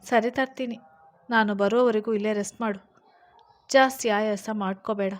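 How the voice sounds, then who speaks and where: A woman's voice: medium pitch, steady tone, moderate pace, lightly acted. A woman voicing a protective young husband who questions his sick wife firmly and scolds her. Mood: tender.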